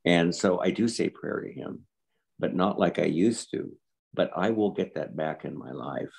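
An older man in his seventies with a very deep voice that sits at the bottom of its range. The tone is gravelly and a little husky. He talks earnestly and reflectively, leaning on repeated words. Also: expressive, normal speed, a little mellow. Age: 70s. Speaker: guest. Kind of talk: personal interview.

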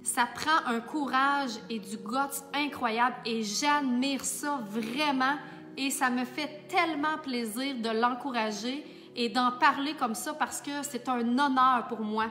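A Québécois woman, a makeup artist and teacher, chatting warmly and enthusiastically to her viewers in a casual vlog. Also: high voice, slow, in a large hall, soft background music. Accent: Québécois French. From Quebec. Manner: warm, enthusiastic, talks straight to viewers.

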